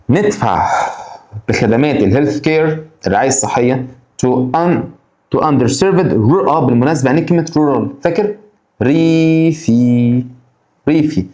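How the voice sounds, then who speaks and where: A man with an Egyptian Arabic accent teaching an English exam-prep lesson. He keeps putting quick rhetorical questions to his students. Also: medium pitch, expressive, darkish tone, roomy sound.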